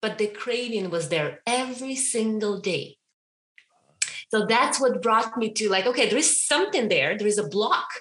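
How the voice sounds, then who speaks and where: In an echoey room, a Ukrainian hypnotherapist in her thirties speaks chattily as an interview guest, sprinkling in fillers like "you know." Her voice is medium in pitch with a fairly bright tone, and the interview is casual.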